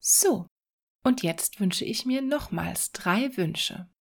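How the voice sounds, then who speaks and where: A woman voicing a fisherman's clever, greedy wife in a fairy-tale reading, higher and livelier than her narration. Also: slow, vocal fry, slightly rough, full character voice. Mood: eager, scheming. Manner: raised, eager, excited.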